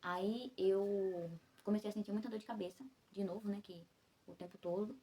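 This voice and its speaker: A woman's voice: mid-range voice, fairly even intonation, moderate pace, warm tone, slightly rough. A young woman from Brazil recounting a personal story in a rambling way, full of fillers and self-corrections, while recovering after childbirth. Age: young adult. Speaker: vlogger.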